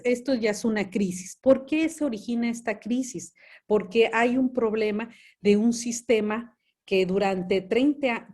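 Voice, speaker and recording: A woman's voice: medium pitch, darkish tone. A woman from Mexico City with a Mexican accent, an activist answering interview questions hesitantly, with many fillers and restarts. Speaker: activist guest.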